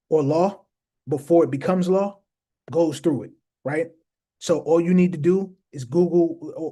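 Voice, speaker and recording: A man's voice: fairly high pitch, dark tone. A man hosting a casual explainer talk, speaking emphatically to his viewers and often repeating phrases for stress. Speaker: host.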